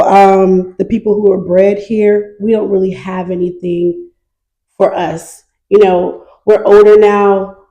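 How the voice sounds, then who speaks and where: A middle-aged woman from North Carolina, chatting lively and easily as an interview guest. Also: medium pitch, low-quality recording. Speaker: guest, nonprofit founder. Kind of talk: casual interview chat.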